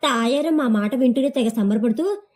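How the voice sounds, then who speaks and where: Woman reading a story aloud, high voice, expressive and steady. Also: normal speed. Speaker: story narrator. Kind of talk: scripted story narration.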